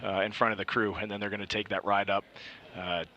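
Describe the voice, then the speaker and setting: A man's voice: on the low side, level tone, brisk, sharp tone, muffled recording. A man giving conversational live commentary as an astronaut guest, explaining things informally.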